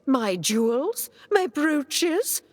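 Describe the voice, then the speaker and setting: A woman's voice: high-pitched, big pitch swings, very slow, no echo, full character voice. An actress playing a fussy older female mouse in a video game, prim and proud of her wealth. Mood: indignant.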